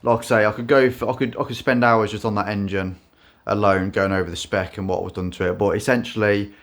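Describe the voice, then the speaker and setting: A man showing his custom motorbike in a casual vlog, speaking in a self-described monotone with many fillers and restarts. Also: on the low side, fairly quick.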